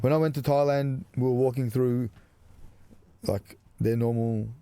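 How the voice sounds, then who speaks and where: A man's voice: medium pitch, fairly even intonation, measured pace, warm tone, clean tone, dry recording. A middle-aged man from Macedonia, co-hosting a podcast in casual chat, laid-back and swearing freely. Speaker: podcast co-host. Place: small caravan music studio.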